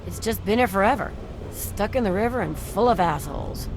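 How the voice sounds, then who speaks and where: An actress voices a hard, surly female barkeep in a video game. She is brusque and combative at a middle pitch, with clear ambient noise behind her. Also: animated, brisk, close to an everyday voice. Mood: irritated, scornful. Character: surly, foul-mouthed woman bar owner.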